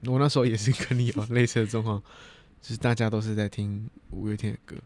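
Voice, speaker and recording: A man's voice: fairly low pitch, little pitch movement, fast, a little mellow. A young man hosting a podcast in casual chat, easygoing and a bit tired. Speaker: podcast host.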